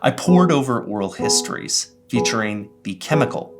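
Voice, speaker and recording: A man narrates a scripted explainer in a measured, curious way, his voice set in a mid register. Plucked guitar music plays clearly beneath him throughout. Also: medium pitch, lively intonation. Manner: measured, curious storytelling delivery. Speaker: video essayist and host. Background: guitar background music.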